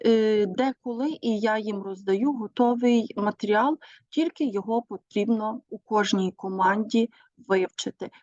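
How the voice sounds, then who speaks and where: A woman teacher giving a measured presentation on her teaching methods, pausing often with hesitations. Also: medium pitch, no echo. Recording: dull, dry recording.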